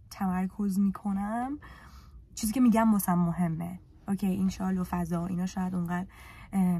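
A woman with a Persian accent teaching English in a casual live lesson, lively and teasing as she coaxes her students. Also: medium pitch, husky.

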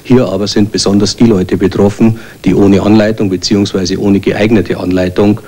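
A man, the team doctor, calmly explaining his work in an interview in an indoor treatment room. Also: on the low side, moderate pace. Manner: calm, matter-of-fact explanation. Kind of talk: interview statement.

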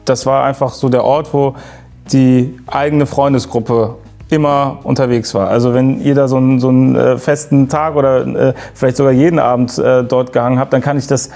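A man's voice: medium pitch, steady tone, normal speed, vocal fry, dark tone, soft background music. Earnest young male interviewer. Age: young adult. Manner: earnest, searching, with fillers. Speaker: YouTube interviewer. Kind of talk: hosting an interview. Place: youth centre lounge, indoors.

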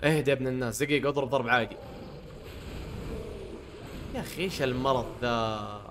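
A young man giving let's play commentary, pleading, cursing and reacting loudly to the game. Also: mid-range voice, fast talker, background noise. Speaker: gamer.

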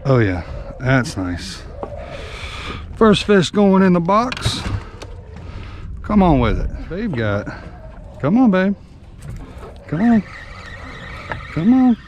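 Filmed by an action camera on his open boat at sea, a fishing guide and channel host narrates his casual vlog with excited play-by-play as fish bite and he reels them in. His voice is high, his pace slow, and he leaves long pauses while the engine and water rumble in the background.

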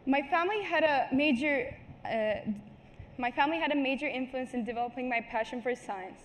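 A woman's voice: high-pitched, fairly quick, slight background noise. Earnest teenage girl giving a stage talk. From Turkey. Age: teens. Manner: earnest, with small restarts and apologies. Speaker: student speaker. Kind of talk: prepared conference talk. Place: large stage before a seated audience. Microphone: headset mic.

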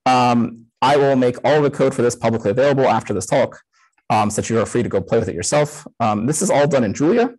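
A man's voice: medium pitch, fast talker, darkish tone, rough recording. A man in his thirties giving a casual conference talk over a video call while live coding, talking through a headset with frequent "um" fillers. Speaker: conference speaker.

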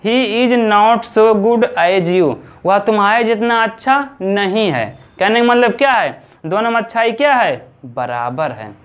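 Guy with a high voice teaching grammar, asks himself questions n answers them, drags out the example words. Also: fairly bright tone. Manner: repeats points slowly, drawing out example words. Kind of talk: classroom-style grammar lesson.

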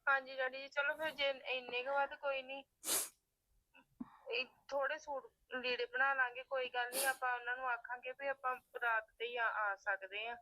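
A woman's voice: high voice, little pitch movement, normal speed, pushed and bright, no room sound. A woman playing a young married daughter in money trouble, phoning her parents and pleading in an upset voice. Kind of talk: family web drama acting. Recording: muffled, dull phone-like sound.

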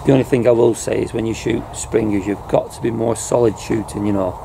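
In a farm building loft, a middle-aged man speaks a little fast with vocal fry and a steady tone, chatting to the camera about pest control with airguns. His style is low-key and full of fillers like "you know," and noisy outdoor-farm ambience is audible.

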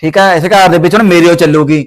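A man's voice: on the high side, steady tone, quick pace. A young man playing a rude, domineering son-in-law who barks orders at his family. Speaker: actor playing a drunk, bossy son-in-law. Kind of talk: family short film acting.

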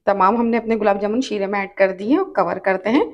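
A woman with a Pakistani Urdu accent talks viewers through a recipe at an easy, steady pace. She explains each step patiently and repeats her cautions so nobody misses them. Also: mid-range voice, a little fast, highs cut off. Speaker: cooking channel host. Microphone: off-camera voice over hands-only cooking shots.

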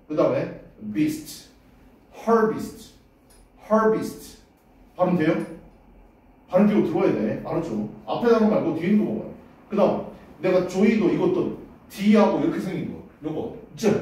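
Korean male English teacher, high and lively. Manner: casual, drills words aloud, asks "됐냐?" often. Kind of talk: classroom pronunciation lesson. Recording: roomy echo, voice far from the mic.

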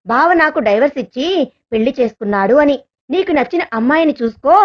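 A woman's voice: high voice, muffled recording. A woman voicing a hurt young wife, tearful and blaming herself.

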